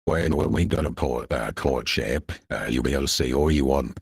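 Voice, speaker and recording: A man's voice pushed extremely low by a deep pitch-shifting voice changer, with a husky grain. He talks on a call like a pompous, threatening self-styled lawyer, circling back over the same points. The sound is close and dry. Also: moderate pace, dry recording. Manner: pompous, threatening, repeats himself. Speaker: caller posing as a lawyer. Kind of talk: call on a voice chat.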